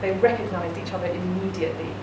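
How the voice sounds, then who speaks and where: A woman with a lowish voice reads a short story aloud at a live reading event, narrating fast in a steady tone. The room is echoey and noisy, and the mic is far away.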